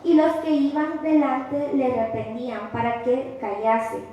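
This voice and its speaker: A woman preaching a sermon in church, earnest and impassioned, with loud rising cries at times. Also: high-pitched, flat delivery, unhurried, muffled recording. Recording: very echoey church hall, faint noise.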